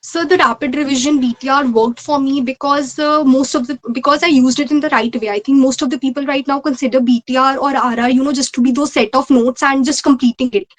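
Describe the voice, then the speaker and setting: A woman's voice: sits high, steady tone, fast, few pauses. A young adult woman with an Indian accent giving earnest, conversational interview answers, repeating phrases for emphasis. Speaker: interview guest, medical postgraduate exam ranker.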